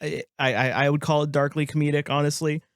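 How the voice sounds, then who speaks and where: A man's voice: on the high side, flat delivery, fast talker, no room sound, studio quality. Man laughing through casual film chat. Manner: laughs often, acts out lines in put-on voices. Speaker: podcast co-host.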